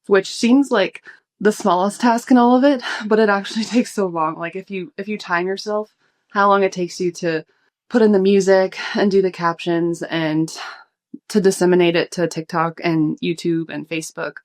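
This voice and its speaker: Slightly breathless woman, relaxed and thoughtful. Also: fairly low pitch. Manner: relaxed, thoughtful, many fillers. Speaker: guest, food blogger. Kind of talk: casual interview.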